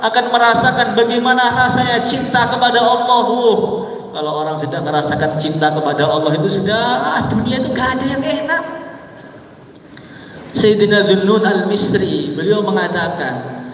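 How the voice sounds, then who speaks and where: A high-pitched man delivers a sermon to a gathering, telling stories with a lively voice and breaking into drawn-out, singsong Arabic phrases. He sounds far from the mic, with his words ringing through a big hall. A faint hum sits underneath. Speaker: preacher.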